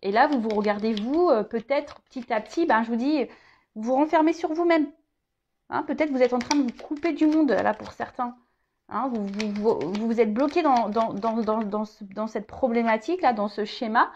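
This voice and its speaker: A woman's voice: on the high side, a little slow, darkish tone, lo-fi sound, slight background noise. A woman giving a tarot reading, talking straight to the viewer, hesitant, with many repeated words and fillers, now and then joking. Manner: chatty, addresses viewer directly, jokes. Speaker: tarot reader.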